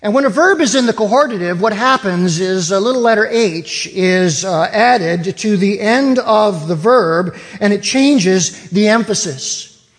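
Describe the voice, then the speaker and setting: A man preaching a sermon, explaining scripture in a deliberate, teacherly way. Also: high voice, lively intonation. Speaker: pastor. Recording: long reverb of a hall.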